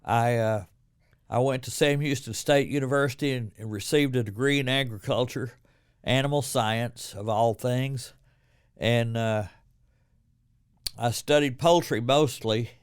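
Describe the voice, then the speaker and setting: A man's voice: medium pitch, a little slow, clear, resonant tone. An older man with a Texas accent and cowboy twang, telling stories casually as an interview guest.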